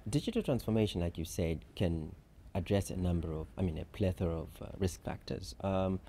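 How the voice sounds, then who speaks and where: A man from Zambia, a chief risk officer answering interview questions at a conference in measured, structured explanations. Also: low-pitched, gravelly, warm tone, slight background noise.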